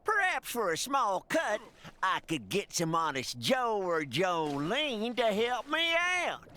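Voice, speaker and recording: Old prospector, very high bright voice, folksy Western American drawl, lively swings, cartoon game. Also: male voice, slow pace, exaggerated voice. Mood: scheming. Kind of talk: cartoonish video game voice acting.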